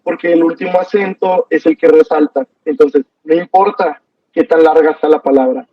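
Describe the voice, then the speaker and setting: A young man teaching an online poetry class, relaxed and hesitant, with many fillers and restarts. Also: a little high, normal speed, dry recording, far from the mic. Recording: dull, dry sound from off mic.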